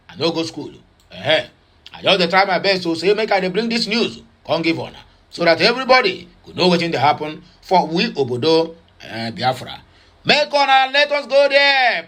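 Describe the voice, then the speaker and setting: A news commentator with a Nigerian Pidgin accent goes over the news in a chatty, mocking, casual manner. His high voice sounds bright and sharp. He rambles with many fillers and repeats himself, dropping in Igbo phrases.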